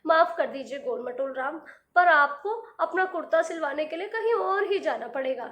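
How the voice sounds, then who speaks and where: A woman voicing a nervous, fussy male tailor who talks in a slow, flustered, pleading way, in a storybook reading. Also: high-pitched, lively intonation, fairly bright tone, echoey room. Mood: apologetic.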